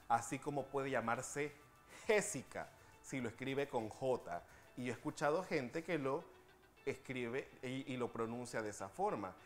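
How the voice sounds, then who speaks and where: A man with a medium-pitched voice hosts a TV language segment, patiently explaining spelling rules and slowing down when he spells out examples.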